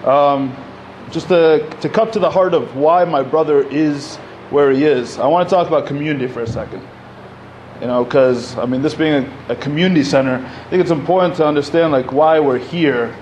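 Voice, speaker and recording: A man in his thirties from Egypt, on a panel at a community event, speaks into a podium mic in a community center hall, gesturing as he talks. His darkish voice sits a little high at normal speed, and he talks loosely, stacking "you know" and restarts. A faint noise runs under the recording.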